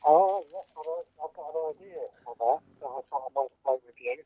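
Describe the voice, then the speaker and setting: A man's voice: on the high side, a little fast, breathy edge, no room sound. A man calling in to a show and chatting casually, his voice muffled on the phone as if he were talking into a cup. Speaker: caller. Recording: tinny muffled phone line.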